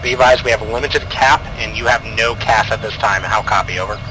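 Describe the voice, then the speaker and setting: A man giving clipped military radio calls over a game radio channel, pausing often with "uh" fillers. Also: on the low side, background noise. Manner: halting, with frequent "uh" fillers. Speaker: command radio operator in a military sim game.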